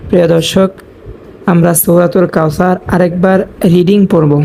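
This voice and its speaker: A woman teaching Quran recitation, spelling out each letter and vowel mark deliberately and chanting verses in long, drawn-out tones. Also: fairly low pitch, level tone, creaky, dark tone, slight background noise.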